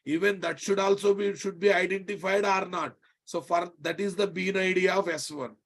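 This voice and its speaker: A man with a Telugu Indian accent gives a live technical lesson in a fairly high-pitched voice. He is emphatic, repeats key phrases and punctuates his explanation with short checking questions. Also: fairly even intonation, moderate pace, a bit bright. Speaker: programming instructor.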